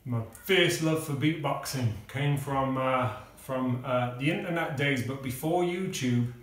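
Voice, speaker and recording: A man giving a casual music lesson, explaining step by step with pauses and fillers. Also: medium pitch, far from the mic. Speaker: music teacher. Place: kitchen. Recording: echoey room, speaker away from the mic.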